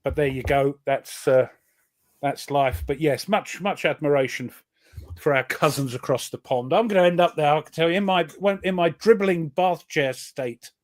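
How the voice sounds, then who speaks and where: A man's voice: a little high, moderate pace. Casual british guy hosting, rambly and jokey, reads history bits out. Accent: British English. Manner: chatty, jokey, reads history facts aloud. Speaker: host. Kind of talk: casual chat.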